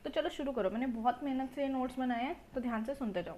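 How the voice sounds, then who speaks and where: Young woman w a high voice rushing thru a revision class on her phone, keeps asking questions back. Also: mellow. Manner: fast-talking, full of rhetorical questions. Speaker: accounts teacher. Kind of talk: quick revision lecture mixing Hindi and English. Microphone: mobile phone.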